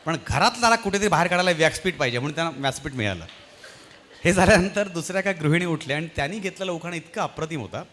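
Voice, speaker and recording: A man doing stand-up comedy on stage at a live event, telling an animated story and acting out its voices. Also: a little high, very fast, slight background noise. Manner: animated, acts out the voices in his stories.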